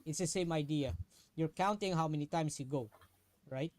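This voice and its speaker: A man's voice: on the high side, normal speed, dry recording. Patient male tutor teaching live. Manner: patient, checks understanding often. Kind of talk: live online lesson.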